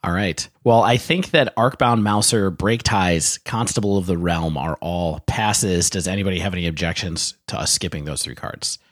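A man co-hosting a casual podcast, chatty and joking, reading out card text and giving shout-outs. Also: low voice, normal speed, hardly any pauses, dry recording, clean studio sound. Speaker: podcast co-host.

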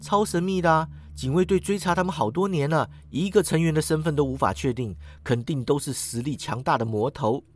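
A man's voice: fairly high pitch, brisk, few pauses, slight background noise, natural voice. A man voicing an impatient young woman. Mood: scornful.

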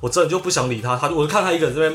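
Fast-talking man telling a story. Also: fairly high pitch, soft background music. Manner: animated storyteller, acts out the people in his story. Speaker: podcast co-host. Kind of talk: casual podcast chat.

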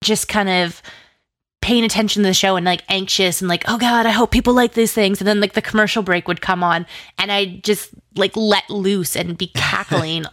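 A woman guest, who writes and produces audio drama, talks informally in a casual interview about creative work, effusive and full of tumbling asides. She speaks at a normal speed in a steady, mid-range, fairly bright voice.

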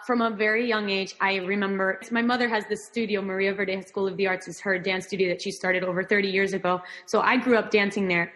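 In a large hall, a mid-range female voice belongs to a performing artist who grew up in Miami, Florida, speaking Spanish first. Appearing as a guest in casual interview talk, she muses about herself. She keeps restarting her sentences and laughs warmly.

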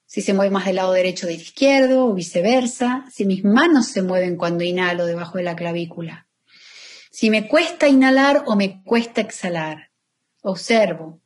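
A woman therapist, calmly explaining fear and anxiety and leading a slow, soothing breathing exercise. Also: mid-range voice. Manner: calm, soothing, slowing down for guided phrases. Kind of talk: guiding a breathing exercise in an interview.

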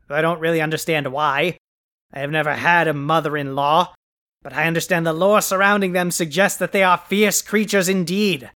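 A performer playing a boastful male supervillain who hosts a podcast, delivering grandiose, insulting proclamations with a quick temper. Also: medium pitch, pushed and bright, close to an everyday voice. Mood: bossy. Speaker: podcast host. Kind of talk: comic scripted podcast.

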